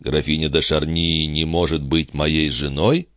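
A man voicing an earnest, stunned nobleman in an audiobook, in a low, measured tone. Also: flat delivery, fairly bright tone, no echo, studio quality. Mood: bewildered.

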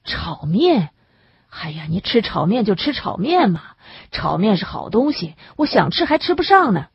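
A woman's voice: medium pitch, very animated, normal speed, gravelly, breathy edge, no echo, heavily acted. Woman reading a coaxing male team leader. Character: worried male camp team leader, steady and reassuring. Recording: dull lo-fi recording.

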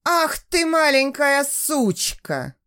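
A woman voicing an arrogant, sleazy rich male client in an audiobook, talking loud, slow and indignant. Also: a little high, very animated. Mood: outraged.

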